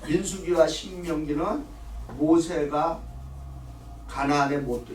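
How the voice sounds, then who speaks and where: A middle-aged man leading a church Bible study, lecturing and firing questions at the class before answering them himself. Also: on the high side. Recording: echoey room, voice from a distance.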